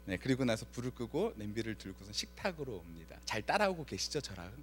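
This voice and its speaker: With a fairly low pitch and a quick pace, plus slight background noise, a man preaches as pastor on Friday night in a church sanctuary. He relates a story vividly, acting out quoted dialogue and questioning the congregation.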